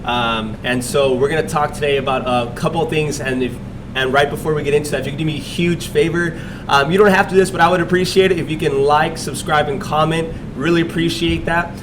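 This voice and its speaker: A man hosting a casual interview podcast in a restaurant, speaking in a relaxed way with many fillers and restarts. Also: a little high, fast talker, distant mic, background noise. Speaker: podcast host. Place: restaurant dining room.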